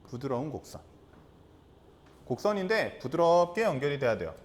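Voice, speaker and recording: A man with a somewhat high-pitched voice teaches a high school math class. He repeats the key terms and keeps asking the students questions to check they follow. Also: sing-song, moderate pace, a little hiss or hum. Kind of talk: classroom lecture.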